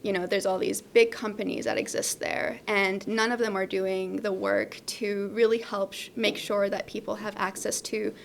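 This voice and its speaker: A woman's voice: medium pitch, level tone, normal speed, gravelly, few pauses, slight background noise. A young woman from Iran, a guest data scientist, chatting relaxedly about her background. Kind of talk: casual interview answers.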